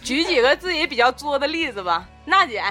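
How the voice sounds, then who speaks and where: A woman's voice: high voice, big pitch swings, a little fast, sharp tone, soft background music. A woman hosting a casual podcast chat, prompting the others with questions and teasing.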